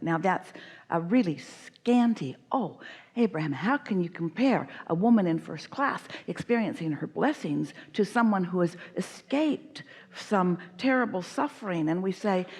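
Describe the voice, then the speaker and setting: A woman's voice: fairly low pitch, darkish tone. Woman teaching in an emphatic cadence. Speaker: spiritual speaker answering a guest. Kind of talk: channeled teaching in a live workshop.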